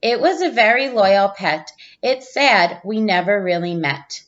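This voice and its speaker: A woman's voice: medium pitch, expressive, a little slow, close to an everyday voice. A proud little storybook schoolgirl, voiced by a woman reader, childlike and pointed in delivery. The recording sounds slightly dull and lo-fi. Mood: reciting.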